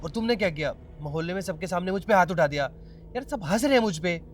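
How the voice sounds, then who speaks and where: A man's voice: high-pitched, expressive, fast, a little hiss or hum. A man acting as a husband in a short drama, wounded that his wife slapped him in public and vowing to leave home. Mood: hurt reproach. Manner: hurt, reproachful. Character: wounded proud husband, humiliated and sulking. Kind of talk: scripted web short drama.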